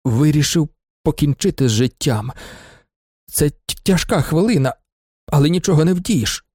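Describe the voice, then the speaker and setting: A man voicing an overwrought, theatrical male swindler who talks in a high, agitated, melodramatic way in a storybook reading. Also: lively intonation, moderate pace, warm tone, breathy edge, no echo, clean studio sound.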